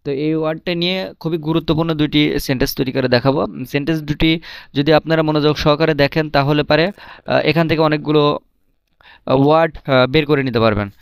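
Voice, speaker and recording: A man's voice: on the high side, fairly even intonation, fairly quick, vocal fry, clean tone, no echo, studio quality. A man giving a casual video lesson, with many filler hesitations and phrases repeated in a sing-song rhythm. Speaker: language teacher.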